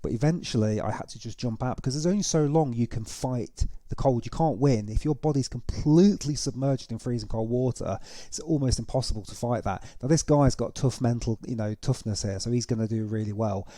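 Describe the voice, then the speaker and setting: Man, mid-pitched, dark mellow voice, casual explanatory commentary, conversational reaction host. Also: fairly quick, few pauses, no echo. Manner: explanatory, conversational, with tag questions.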